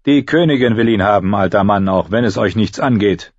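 A man voicing a haughty city-watch officer in an audiobook, curt, loud and commanding. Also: fairly low pitch, brisk, no echo, muffled recording, natural voice.

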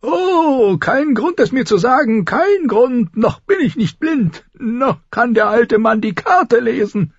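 A man voicing a crotchety, spiteful lord of ninety with a high, cracked cackle, in an audiobook reading. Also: lively intonation, slow pace, hardly any pauses, husky, dry recording, lo-fi sound, full character voice. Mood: mocking. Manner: scornful, barking.

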